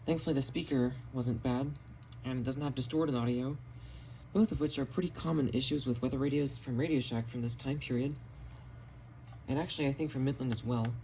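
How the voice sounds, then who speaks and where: Brisk and steady, the man has a medium-pitched, dark voice, captured in a rough phone recording with background noise. He's a radio collector in his home basement, showing off and explaining his finds plainly in a casual vlog.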